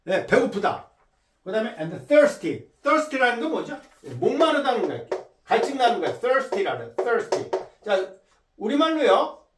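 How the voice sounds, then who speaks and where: A man teaching English through Bible verses in a lecture, slowly explaining words and repeating them to drill pronunciation. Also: very high-pitched, very animated, reverberant, far from the mic.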